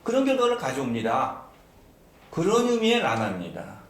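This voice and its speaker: A man's voice: fairly high pitch, wildly swooping pitch, normal speed, echoey room. A man preaching a sermon as pastor, emphatic and often asking the congregation questions. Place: church sanctuary.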